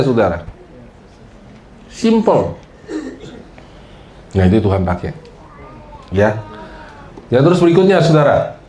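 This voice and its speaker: A man preaching a sermon as pastor, lively and joking, acting out the prayers he quotes and often addressing his listeners directly. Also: on the low side, a little hiss or hum.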